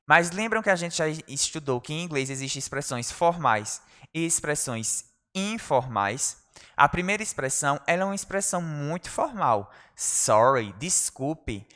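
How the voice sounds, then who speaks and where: A Brazilian man teaching an online school English lesson, explaining in Portuguese and saying each English phrase slowly and clearly for pupils to repeat. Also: on the high side, lively intonation, pushed and bright, big-room sound.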